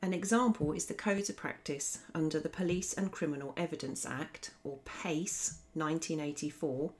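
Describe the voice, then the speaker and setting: A woman narrating a scripted law revision lesson as a voice-over, explaining in a clear, methodical way. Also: low-pitched, normal speed. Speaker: law teacher.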